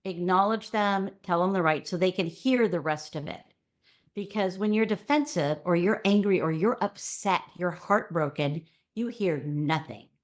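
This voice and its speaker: Lively middle-aged woman explaining as a guest. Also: on the low side, normal speed. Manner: lively, breaks into acted-out quotes. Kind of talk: conversational interview explanation.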